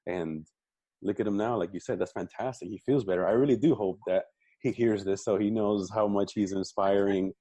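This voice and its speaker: A man's voice: fairly low pitch, steady tone, normal speed, dark tone, dry recording. A man hosting a fitness podcast, chatting casually and affirming his guest, often repeating words as he thinks. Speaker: podcast host and coach. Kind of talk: casual interview chat.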